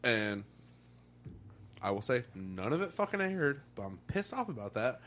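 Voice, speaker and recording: A man's voice: mid-range voice, sing-song, normal speed, a bit bright. A man telling casual anecdotes like a frat bro, with slang, swearing and acted-out quotes. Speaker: reality show contestant.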